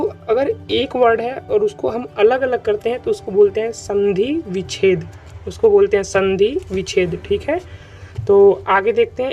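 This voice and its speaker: A man's voice: high-pitched, a little mellow. A man teaching an online grammar lesson who repeats his points and keeps checking that students follow. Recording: dull lo-fi recording with faint music.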